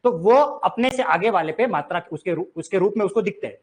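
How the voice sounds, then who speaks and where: A man with a strikingly high voice teaches to a class. He keeps firing rhetorical questions and drilling his students to read each word aloud. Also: lively intonation, brisk. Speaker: Hindi teacher. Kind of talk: classroom lesson.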